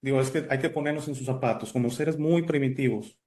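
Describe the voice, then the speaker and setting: A man's voice: mid-range voice, a little fast, darkish tone. A man from Italy, raised elsewhere, hosting an interview in a chatty way with many fillers and restarts. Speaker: host. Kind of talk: casual interview chat.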